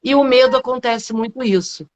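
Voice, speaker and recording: A woman's voice: a little high, a little fast, darkish tone, lo-fi sound. Brazilian woman posing rhetorical questions. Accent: Brazilian Portuguese. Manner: rhetorical questions, frequent tag questions. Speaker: public speaking coach, guest. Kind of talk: explanatory talk in a live interview.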